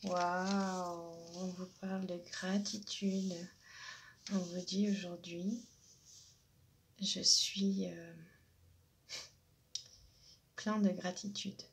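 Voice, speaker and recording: A woman giving a spiritual oracle card reading. She talks hesitantly with many fillers and often drops into a soft half-whisper. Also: fairly low pitch, level tone, drawn-out words, creaky, pauses often.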